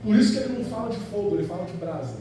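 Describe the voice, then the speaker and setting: High-voiced man preaching in an echoey church. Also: very fast, far from the mic, noisy background. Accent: Rio de Janeiro Portuguese. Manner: animated, storytelling with acted quotes and rhetorical questions. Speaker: evangelist preacher. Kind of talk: Pentecostal sermon. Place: large church hall. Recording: very echoey church hall, music behind.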